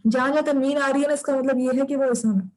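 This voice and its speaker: High-pitched woman, teaching an online arabic class, patient, repeats stuff and keeps checking in. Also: fairly even intonation, fast talker, a little mellow, poor audio.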